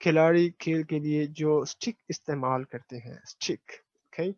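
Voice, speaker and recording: A man's voice: fairly high pitch, steady tone, unhurried, a little mellow, no echo. A male teacher reads a textbook aloud and explains each word, asking and then answering his own questions. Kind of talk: classroom lecture reading and explaining a textbook. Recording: dry, dull lo-fi recording.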